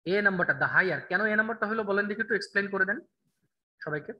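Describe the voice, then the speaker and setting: A man teaching an online English grammar class, quizzing a student and reading answer options slowly. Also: sits high, lo-fi sound. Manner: drills answers with rhetorical questions, reads options slowly.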